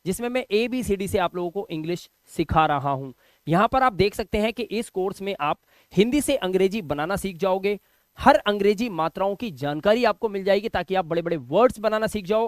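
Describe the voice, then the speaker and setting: A man teaching English pronunciation, repeating each word slowly and with emphasis. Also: dry recording. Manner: persuasive course pitch. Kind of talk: Hindi-language phonics lesson.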